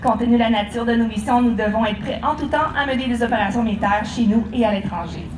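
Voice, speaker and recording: A woman's voice: fairly high pitch, rapid-fire, noisy background. A woman giving airshow commentary as the announcer of a parachute display. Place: outdoor air show. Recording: echoey PA with music behind. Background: music.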